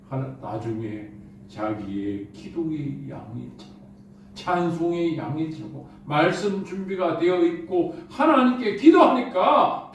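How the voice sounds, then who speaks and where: Pastor guy preaching, high voice that swings all over, super echoey church, mic far off. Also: a little hiss or hum. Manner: rhetorical questions, lively preaching. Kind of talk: sermon. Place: church sanctuary.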